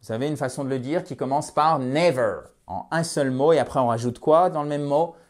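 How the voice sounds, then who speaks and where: A man teaching English in a lesson, slowly stressing phrases for learners to repeat. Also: fairly high pitch. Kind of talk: language lesson with repetition drills.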